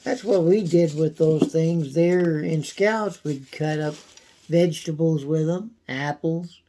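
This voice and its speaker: A man giving a casual, folksy how-to demonstration, his voice thin and squeaky from a coming cold. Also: mellow. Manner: folksy, unhurried, frequent throat clearing. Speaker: video host demonstrating pocket knife care.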